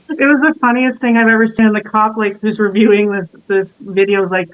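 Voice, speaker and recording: A woman's voice: medium pitch, steady tone, moderate pace, clear, resonant tone, phone-quality sound. A woman in casual chat, telling stories with frequent laughter.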